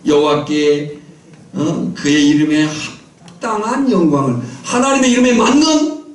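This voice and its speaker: High-voiced Korean pastor in echoey church. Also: male voice, animated, unhurried. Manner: quizzes the congregation with call-and-response questions; repeats key phrases in a rhythmic list. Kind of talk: sermon. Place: small island church. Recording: echoey church sound from a distant mic.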